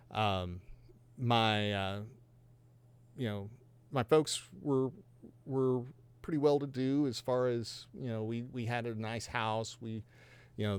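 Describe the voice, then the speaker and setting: A man in his fifties, originally from Georgia and Texas, tells his personal faith story in a relaxed podcast conversation. His voice sits fairly low and sounds clean and resonant. He speaks earnestly and reflectively, with a light touch of self-deprecating humor. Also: clean tone. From Georgia and Texas, USA. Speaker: guest sharing his faith testimony.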